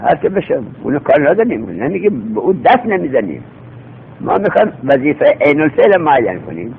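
A man's voice: big pitch swings, creaky. A man teaching a seminary grammar lesson, explaining patiently and repeating himself, asking rhetorical questions. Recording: tinny phone-like recording with faint rumble.

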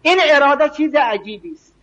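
A man giving an evening religious lecture, speaking slowly and emphatically and reciting scripture and verse. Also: very high-pitched, a bit bright. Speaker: preacher. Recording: dull lo-fi recording.

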